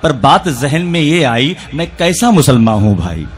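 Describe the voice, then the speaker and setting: At a poetry evening on a large outdoor stage before a crowd, a man recites rhythmic verse with refrains into a stage microphone. His voice sits a little high and sounds very animated, though his pace stays measured.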